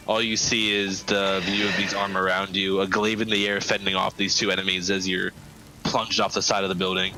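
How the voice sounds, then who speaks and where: A man's voice: low voice, noisy background. A man narrating a tabletop game as game master, mixing casual talk with scene description.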